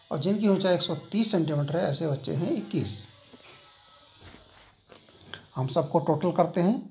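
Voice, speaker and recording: A man's voice: high-pitched, a little mellow, a little hiss or hum. A middle-aged man teaching a school maths lesson, repeating key points and asking his students questions as he explains.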